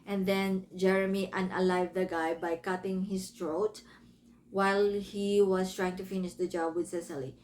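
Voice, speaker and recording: Speaking at normal speed in a medium-pitched, flat, darkish voice, a Filipina with a Filipino accent gives a casual book review in her second language, English. She rambles while retelling the story, correcting herself and veering into asides, and slight background noise is audible.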